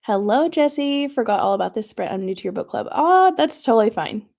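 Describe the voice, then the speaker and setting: Woman host, casual stream chat, a bit of vocal fry, reads comments out loud. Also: a little high, lively intonation, fairly quick. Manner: chatty, reads viewer comments aloud. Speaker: livestream host.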